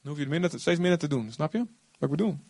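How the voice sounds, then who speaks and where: A man preaching a sermon, animated, acting out quotes with sudden loud outbursts. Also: on the high side, racing, gravelly. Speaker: pastor.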